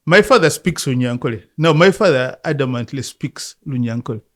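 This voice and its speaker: With a mid-range voice and a brisk pace, a Luganda-speaking Ugandan man in his fifties looks back on his life as a football coach. The interview is relaxed, and he is reflective, breaking into laughter often.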